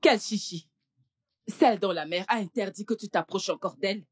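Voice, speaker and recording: A woman's voice: mid-range voice, normal speed, breathy edge, natural voice. An actress dubbing a strict, middle-aged village mother who scolds sharply. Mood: scolding. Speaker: dub actress. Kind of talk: dubbed film acting.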